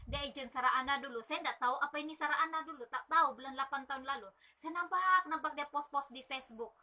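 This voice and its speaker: A woman's voice: high-pitched, fast. A young woman hosting a chatty live stream as a corset sales agent, telling stories and acting out other people's lines. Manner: lively, acts out other people's lines in quotes.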